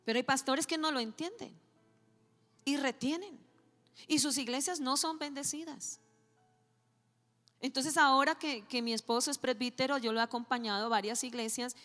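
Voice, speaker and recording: Woman pastor, fairly high voice, animated storyteller preaching in a big echoing church hall over soft music. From Colombia. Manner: animated storytelling, acting out dialogue. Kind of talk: sermon. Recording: long hall reverb with faint music.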